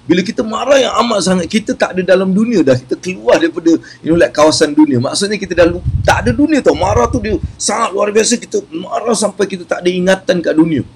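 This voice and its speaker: A man's voice: high voice, fast, vocal fry, hardly any pauses, a little hiss or hum. A Malaysian man with a Malay accent giving a casual live-streamed business talk, chatty and playful, often laughing and slipping into English. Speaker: business motivational speaker.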